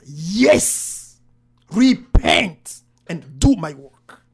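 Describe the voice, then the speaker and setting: A man's voice: high-pitched, sing-song, drawn-out words, vocal fry, breathy edge, full character voice. A man quoting God as a solemn, commanding voice while recounting a vision. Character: God speaking, commanding and stern, male.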